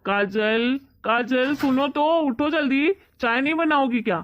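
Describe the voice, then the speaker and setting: A woman's voice: high voice, a little slow. A woman playing a greedy middle-aged son and husband who coaxes and argues in a plain voice. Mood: coaxing. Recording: dull lo-fi recording.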